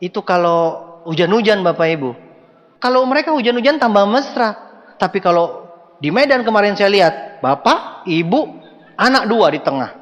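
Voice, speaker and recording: Man, motivational speaker, high voice, joking and animated, long hall reverb. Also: normal speed. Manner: animated, joking, addresses the audience directly. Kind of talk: motivational seminar talk. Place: large hall with audience.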